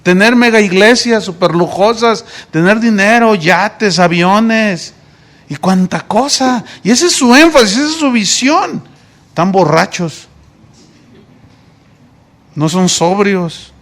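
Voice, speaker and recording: Mexican male pastor, high voice, preaching and quizzing his congregation. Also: animated, takes it slowly, a bit bright. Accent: Mexican Spanish. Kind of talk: sermon.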